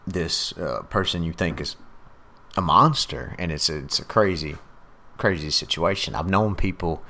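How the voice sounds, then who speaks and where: A man's voice: low voice, moderate pace, sharp tone. A man telling blunt, joking stories in a casual podcast chat. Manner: easygoing, blunt storytelling with jokes. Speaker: podcast guest, former drug addict.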